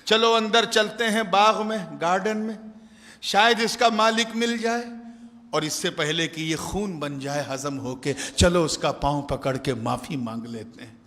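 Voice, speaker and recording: A man's voice: high-pitched, bright, forceful tone. A male preacher voicing a pious young man who pleads urgently for forgiveness, in a large mosque. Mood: hopeful. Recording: long echo of a large hall.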